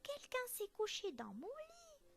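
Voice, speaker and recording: A woman voicing a tiny young male bear cub in a storybook reading, in a high, squeaky little voice. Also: wildly swooping pitch, slow, exaggerated voice. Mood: surprised.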